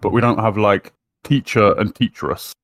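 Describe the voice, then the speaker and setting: Low-voiced thoughtful British man. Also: steady tone, moderate pace, no room sound, studio quality. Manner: thoughtful, repeats words while thinking. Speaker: podcast co-host. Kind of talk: casual chat.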